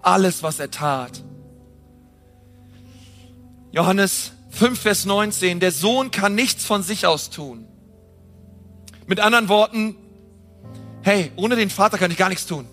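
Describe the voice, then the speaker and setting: Man, sermon preacher, high voice, bright tone, passionate, emphatic, casual direct address, faint music behind. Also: animated, takes it slowly, long pauses. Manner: passionate, emphatic, swings from loud to soft.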